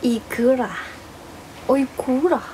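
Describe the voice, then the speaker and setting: A hoarse young woman chatting casually on a live stream, bubbly and playful as she thanks viewers for gifts. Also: high-pitched, mellow, slight background noise, low-quality recording. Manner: playful exclamations and cute drawn-out reactions. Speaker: live streamer, former idol.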